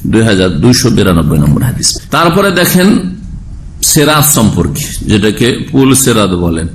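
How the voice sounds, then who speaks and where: A man's voice: medium pitch, fairly bright tone, a little hiss or hum. A man preaching a sermon lecture, explaining step by step and asking his listeners rhetorical questions. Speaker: Islamic preacher.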